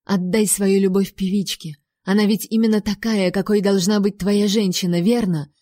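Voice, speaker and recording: A woman voicing a proud young noblewoman who speaks in a sharp, accusing way. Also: mid-range voice, fairly even intonation, moderate pace, no echo, clean studio sound, close to an everyday voice. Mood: bitter.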